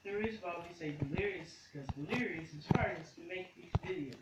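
A woman's voice: lowish voice, a little fast, highs cut off. A woman chatting while playing a game, teasing and swearing. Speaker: co-player. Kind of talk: casual gaming chat. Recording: echoey room with loud noise.

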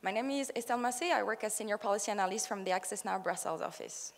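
A woman's voice: mid-range voice, fast talker. A young woman gives an earnest, prepared speech on stage, speaking into a handheld mic. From France. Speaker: conference opening speaker. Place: large conference hall, on stage. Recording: long hall reverb.

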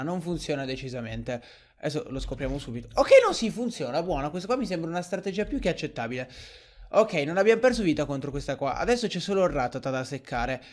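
A young man doing excitable Let's Play commentary over a game, swearing often and yelling when frustrated. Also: fairly high pitch. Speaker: gaming YouTuber.

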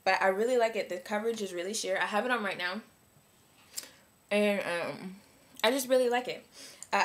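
A young woman chats her way through a makeup review at her own easy pace. She rambles and fills her sentences with likes and ums. Her voice sits at an ordinary middle pitch. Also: a bit bright. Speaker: beauty vlogger.

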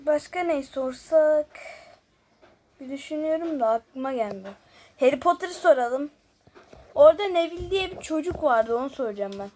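In a high, expressive voice at a moderate pace, a woman hosts a gaming video, chatting casually through a guessing game. She swings from muttered asides, often almost whispered, to louder remarks for viewers, over noticeable background noise with clicking.

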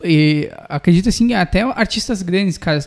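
His voice sits high at normal speed, with noticeable vocal fry. He's a young adult guest musician with a southern Brazilian gaúcho accent, chatting casually on a podcast. A close studio mic on a boom arm records him in a small indoor studio.

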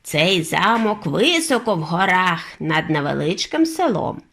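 A steady, knowing old grandmother, as a woman plays her in a children's audiobook, slower and a touch lower than the narration. She explains things unhurriedly while the voice still moves with lively inflection. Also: vocal fry, full character voice. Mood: determined. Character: calm, determined elderly grandmother.

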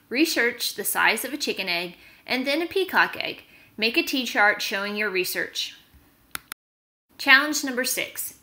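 A woman in her thirties, her voice fairly high, pushed and bright, reads a storybook aloud and gives the children instructions. She is hosting from a small room at home, and the laptop webcam captures a roomy sound with a faint layer of noise.

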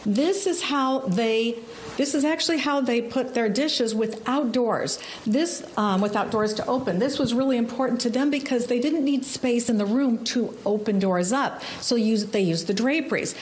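A woman's voice: a little high, normal speed, slight background noise. A middle-aged woman, an interior designer, explaining design with enthusiasm on a live TV tour inside a large old house, into a handheld mic. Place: large historic house, indoors. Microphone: handheld reporter mic.

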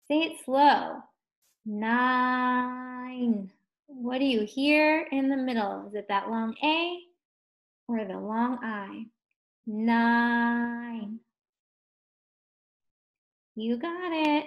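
Slow, patient woman teaching phonics. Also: a little high, lively intonation, vocal fry, lo-fi sound. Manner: slow, encouraging, stretches out words. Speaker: first grade teacher. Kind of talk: distance learning phonics lesson.

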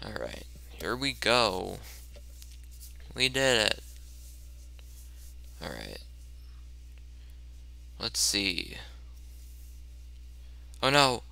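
A man's voice: on the low side, very slow, vocal fry, pauses often. A man giving casual, self-mocking commentary over a video game, stammering and restarting often. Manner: excited yelps during tense moments. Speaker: let's play commentator.

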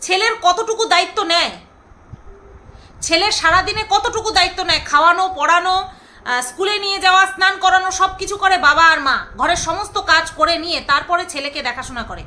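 A woman's voice: extremely high pitch, fairly quick, pushed and bright. A middle-aged woman vlogger delivering an angry, sarcastic rant straight to camera, scolding and repeating her phrases for emphasis. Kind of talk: angry ranting monologue to camera.

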